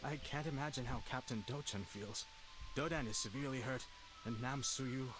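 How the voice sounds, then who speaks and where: A man's voice: medium pitch, moderate pace, over music, lightly acted. A man voicing a worried, gloomy villager in a game.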